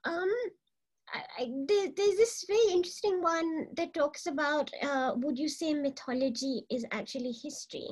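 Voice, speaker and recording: A woman's voice: high voice, normal speed. A woman in her forties moderating a panel from a home library over a video call, hesitant with fillers. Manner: hesitant, many fillers before points. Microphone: laptop webcam video call.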